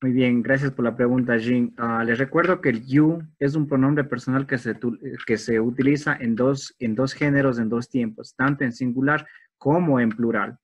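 A man teaching an online English class, explaining grammar step by step in a patient way and slowing down for the English examples. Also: medium pitch, steady tone, slightly rough, muffled recording. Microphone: video call.

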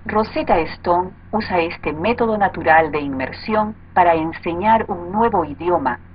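Woman narrating a promo in lo-fi audio. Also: fairly low pitch. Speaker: voice-over narrator. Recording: dull lo-fi audio with faint noise.

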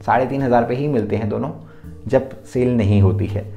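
A man giving a chatty, casual tech product review in a room lit by softbox lights, freely mixing Hindi and English, speaking into his own mic. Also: mid-range voice, moderate pace, vocal fry, soft background music. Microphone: his own mic set up. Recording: roomy echo.

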